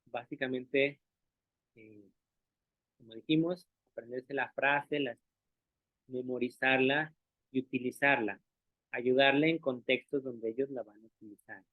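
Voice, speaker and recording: A male language teacher speaks at an ordinary pitch, patiently walking his listeners through each step and checking that they follow along. His voice comes through a narrow, tinny, phone-like line with no trace of room reverb. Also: fairly even intonation, measured pace, long pauses. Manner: patient, explanatory, often asks for agreement and models sounds aloud. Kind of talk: explanatory online talk. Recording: dry, tinny phone-like sound.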